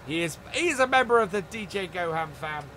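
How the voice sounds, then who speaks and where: A man's voice: high-pitched, lively intonation, brisk, music in the background. A man hosting a live gameplay stream, chatting casually and greeting viewers by name while he plays. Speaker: livestream host.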